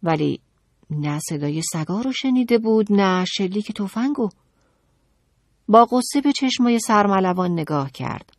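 A woman narrating a children's audiobook in an expressive, dramatic storytelling manner. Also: mid-range voice, dry recording, clean studio sound.

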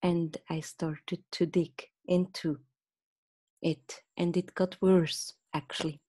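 A woman from Switzerland with a Swiss German accent, a podcast guest on a video call, telling a personal story in a hesitant, soft-spoken way with many fillers. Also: on the low side, level tone, slow, slightly rough, no echo, clean studio sound. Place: small room indoors. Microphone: video call with earbuds.

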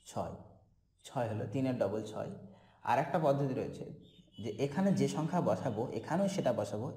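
A man teaching a maths lesson step by step, often checking in with the viewer through quick questions. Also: medium pitch, dark tone, echoey room.

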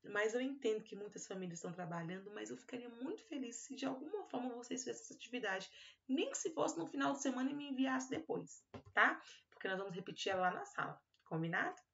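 A woman with a Brazilian accent, a kindergarten teacher giving a recorded class for young children. She stretches syllables slowly and talks fondly to the kids. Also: fairly high pitch, expressive, vocal fry, fairly bright tone, highs cut off. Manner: drawn-out syllables and fond little-word talk to children.

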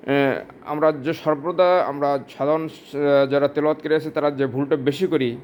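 A man's voice: fairly high pitch, slight background noise. A man from Bangladesh, teaching Quran pronunciation and asking questions he then answers himself. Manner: explains slowly with rhetorical questions, drawn-out Arabic examples. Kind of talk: religious lesson on Quran pronunciation.

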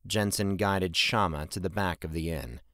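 Low-voiced male audiobook narrator. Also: moderate pace, sharp tone, no room sound, clean studio sound. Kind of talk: scripted narration.

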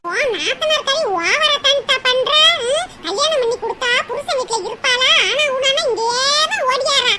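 Squeaky chattering village aunties, voiced by a woman. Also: lively intonation, normal speed, hardly any pauses, sharp tone, slight background noise, full character voice. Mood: gossiping. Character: gossiping older village women neighbors. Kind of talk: cartoon comedy voice acting.

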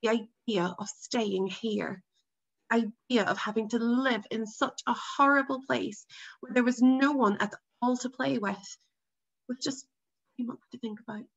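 A woman teacher reading a novel aloud to her class, with expressive storytelling, in a dull lo-fi recording. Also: a little high, unhurried, creaky, slightly rough.

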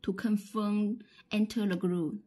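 Speaking with a Chinese accent, a woman walks through a product demo one step at a time, pausing and repeating herself frequently. Her mid-range voice is mellow with a breathy edge, and her intonation stays fairly even.

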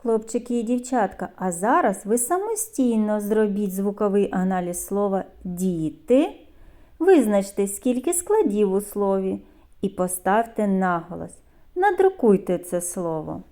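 A woman from Ukraine teaching young children in a video lesson, speaking slowly and patiently and stretching out sounds and syllables. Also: medium pitch, expressive, warm tone, in a large hall. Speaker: kindergarten teacher.

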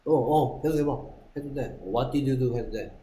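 A male English teacher going through a textbook dialogue in a classroom lesson. He reads the English lines slowly and deliberately and keeps asking his students whether they follow. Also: medium pitch, dark tone.

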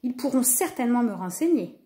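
A woman voicing an excitable young male wolf cub in a storybook, talking in eager exclamations. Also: a little high, fairly quick.

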